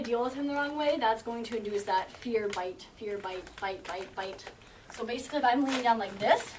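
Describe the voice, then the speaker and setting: A woman who trains shelter dogs, teaching a group of volunteers with confidence and acting out what the dog thinks. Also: on the high side. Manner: confident, explains with quick acted-out dog thoughts. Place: indoor room at an animal shelter. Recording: distant camera mic, faint noise.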